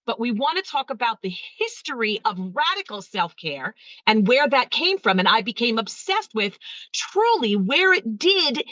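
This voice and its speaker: A middle-aged American woman, a guest on a podcast interview, speaking in an expressive, emotional, animated way about her work coaching teachers. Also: on the high side, normal speed, rough recording.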